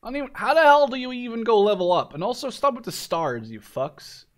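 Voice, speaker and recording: Speaking a little fast in an extremely high, animated voice, a twentysomething man from Canada or the Netherlands gives loose, rambling commentary over gameplay. He's a gaming video creator who keeps interrupting himself and swears a lot.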